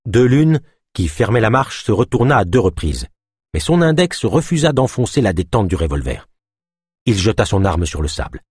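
A man reading an adventure audiobook in a low, husky voice. His delivery swings widely in pitch. The sound is dry and close. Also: dry recording. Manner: expressive storytelling. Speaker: narrator. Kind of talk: audiobook narration.

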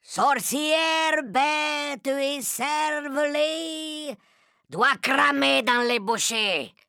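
A woman's voice: sits high, drawn-out words, creaky, bright, forceful tone, no echo, studio quality, exaggerated voice. A woman playing a tyrannical, furious female witch leader who shrieks orders and chants threats in an audio drama. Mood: menacing.

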